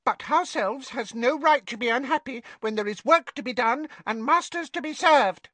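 A man voicing a small, timid male house elf with a squeaky voice and broken grammar. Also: moderate pace, pushed and bright, no echo. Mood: apologetic.

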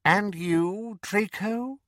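A cold, cruel dark lord of a storybook, as a male reader puts him on, pitched well above the reader's own voice and drawn out slowly. The voice stays quiet yet menacing, bright-edged and close in a dry booth. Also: no room sound, heavily acted. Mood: cold menace. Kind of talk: audiobook character voice.

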